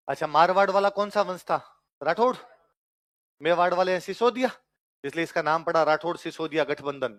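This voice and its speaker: A man teaching history to exam students, repeating key lines in Hindi and then English for them to write down, and telling the story in a lively way while quizzing them. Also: on the high side, no room sound. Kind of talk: exam-prep lecture with storytelling.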